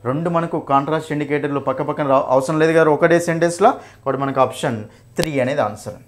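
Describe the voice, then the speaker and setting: A young man with a Telugu accent teaching an English grammar revision class. He explains each answer option in detail, keeps checking "okay?" and "right?", calls his students "nanna", and reads the English example sentences slowly. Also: on the high side, fairly even intonation. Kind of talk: exam revision lesson.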